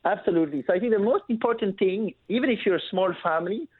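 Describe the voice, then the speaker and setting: Over a thin, slightly noisy phone connection, a high-sitting male voice moves at a quick clip. He's from Belgium, the founder of a family business, appearing as a guest on a business talk show and chatting fluently and casually with lots of fillers.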